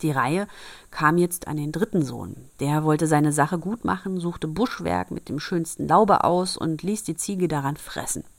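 A woman narrating a fairy tale aloud in a calm, measured way. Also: sits low. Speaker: storyteller.

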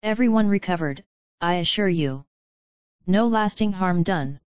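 A woman's voice: on the low side, expressive, unhurried, no echo, dull audio. A woman voicing a clever, blunt teenage boy wizard in a dry, matter-of-fact way, in a storybook reading.

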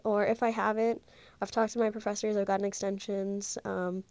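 A young woman in her twenties from Ohio, USA, hosts her solo podcast and rambles casually into a handheld mic, her nose stuffy and congested and her chatty speech full of fillers like "like" and "um." Her mid-range voice is flat and darkish, at normal speed, with no room sound.

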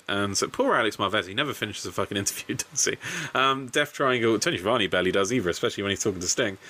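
A man with a low-leaning but bright, forward voice hosts a casual wrestling podcast. He rambles, swears freely and vents about what confused him. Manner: swearing, rambling, frustrated asides. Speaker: podcast host. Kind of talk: casual wrestling recap chat.

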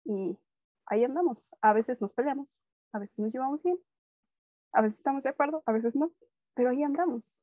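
A young woman with a Mexican Spanish accent telling a personal faith story in a casual, animated way, acting out bits of dialogue. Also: sits high, a little fast, pauses often, no echo. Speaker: guest sharing testimony.

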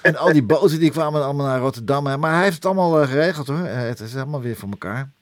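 Chatty, halting male radio host, dry sound. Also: mid-range voice, no room sound. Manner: chatty, halting, repeats himself, seeks agreement with tag questions. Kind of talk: casual radio chat.

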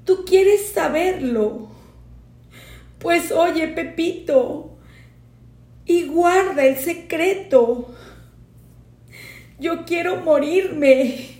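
A woman's voice: very high-pitched, very slow, pauses often, darkish tone, full character voice. Woman voicing tearful grieving young boy. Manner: tearful, pleading. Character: grieving orphaned young schoolboy. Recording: roomy echo.

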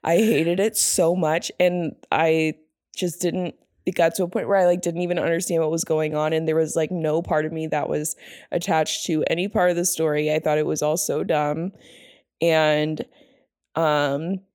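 A young woman co-hosting a casual book podcast, hoarse and gravelly from being sick, rambling and trailing off as she talks. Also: sits low, level tone, normal speed, a little mellow, no room sound, clean studio sound. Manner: rambling, self-deprecating, trails off mid-sentence. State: hoarse from illness. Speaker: podcast co-host.

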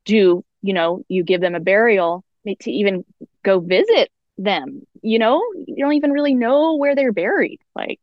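A woman's voice: mid-range voice, animated, moderate pace, no echo, lo-fi sound. A young woman, a podcast guest, who is effusive and giggles often. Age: young adult. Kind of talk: casual podcast chat.

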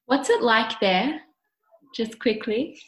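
A woman's voice: fairly high pitch, expressive, takes it slowly, faint music behind, low-quality recording. A woman casually interviewing a guest as host.

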